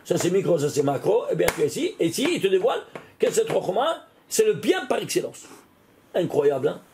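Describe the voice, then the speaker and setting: A man, a rabbi, giving an animated Torah lesson, often exclaiming and putting questions straight to the listener. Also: sits high, brisk, noisy background. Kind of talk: lively spoken Torah lesson.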